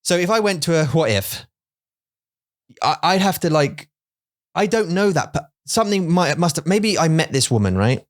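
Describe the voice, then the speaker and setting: A middle-aged man talks in loose casual chat as co-host of a podcast. His pitch swings widely, up and down, as he rambles. He often slips into little acted-out scenes with put-on voices. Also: expressive, normal speed.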